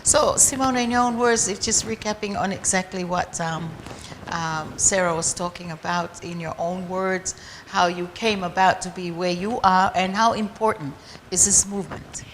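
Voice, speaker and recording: A woman's voice: fairly low pitch, fairly even intonation, normal speed, fairly bright tone, slight background noise. Chatty woman hosting a radio interview. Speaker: host.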